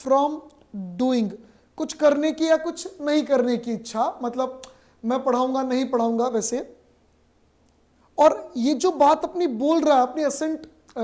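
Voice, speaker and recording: A man's voice: very high voice, darkish tone. A male teacher giving a classroom lecture. He asks questions, answers them himself, repeats key terms and adds playful, joking asides.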